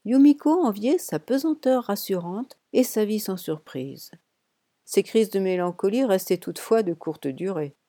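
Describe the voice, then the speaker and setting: Warm-voiced woman reading an audiobook. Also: medium pitch, animated, dry recording. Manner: measured, deliberate reading with pauses. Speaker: audiobook narrator. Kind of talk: scripted narration.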